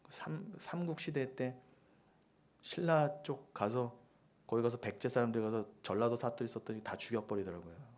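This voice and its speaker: A man preaching a sermon as pastor, with forceful rhetorical questions and sudden hushed asides. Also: mid-range voice, moderate pace.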